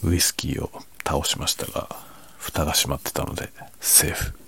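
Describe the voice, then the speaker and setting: A man chatting casually and quietly late at night, half whispering as if others in the house are asleep. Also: rumbling low, fairly even intonation, normal speed, creaky, breathy edge. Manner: speaks quietly, half whispering, so as not to wake sleeping family. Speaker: host of a late-night audio chat. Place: at home at night. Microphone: microphone without windscreen, slightly backed away.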